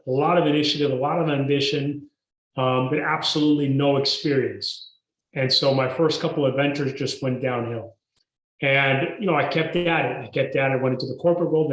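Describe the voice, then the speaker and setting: A man, a guest telling his story in a podcast interview in a measured, emphatic way. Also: medium pitch. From Mexico. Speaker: guest entrepreneur. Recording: roomy echo.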